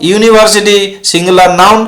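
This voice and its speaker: A man's voice: high-pitched, flat delivery, fast talker, fairly bright tone. A man teaching an English grammar lesson who keeps asking questions and answering them himself. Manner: repetitive, asks and answers his own questions. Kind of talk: classroom lesson explaining rules.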